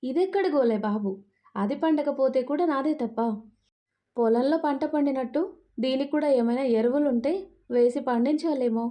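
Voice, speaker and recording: A man's voice: very high-pitched, normal speed, mellow, voice pushed up. A woman voicing a whiny young man who is comically put upon, pleading and aggrieved, in a Telugu audio story.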